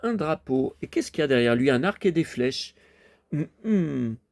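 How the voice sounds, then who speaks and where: A man's voice: a little high, expressive, normal speed, creaky, darkish tone. A man casually presenting his toy collection to viewers, chatty and rambling, talking straight to the audience. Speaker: collector showing his toys.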